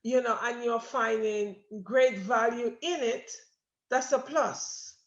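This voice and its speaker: A woman hosting an interview as an education coach, speaking in a measured, affirming way. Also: on the high side. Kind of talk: casual interview chat. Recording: roomy echo, dull lo-fi sound.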